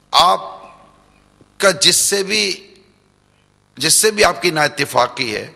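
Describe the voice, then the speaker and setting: A man's voice: medium pitch, vocal fry, pushed and bright. A man giving a religious lecture, live before an audience in a large religious center hall, addressing listeners directly with rhetorical questions and repetition. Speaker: preacher. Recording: long hall reverb.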